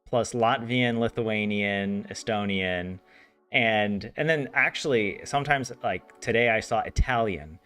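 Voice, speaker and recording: Chatting and translating on a live stream of his language study, a man rambles casually, laughing often and restarting his sentences. He speaks unhurriedly in a fairly low, smooth, slightly bright voice.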